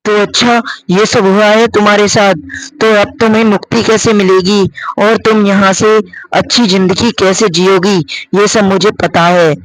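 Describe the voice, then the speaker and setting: A man's voice: high-pitched, little pitch movement, normal speed, a bit bright, no echo, poor audio. A man voicing a frightened young woman in a cartoon horror story, anxious and full of exclamations. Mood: pleading.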